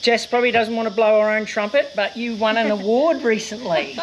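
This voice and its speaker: A woman's voice: on the high side, brisk, muffled recording, crowd noise. A middle-aged woman, chatting casually as a co-host. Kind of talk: casual chat. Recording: clear background noise, insects chirping outdoors.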